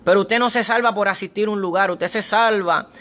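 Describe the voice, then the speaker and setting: High, bright-voiced male preacher. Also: a little fast. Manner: earnest, reads scripture aloud and presses points with repeated phrases. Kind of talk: sermon.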